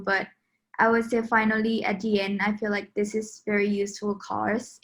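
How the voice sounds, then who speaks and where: A woman's voice: medium pitch, a bit bright. A teenage girl with a Thai accent, earnestly thanking her teachers on a video call. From Thailand. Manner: earnest, hesitant with ums. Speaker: student.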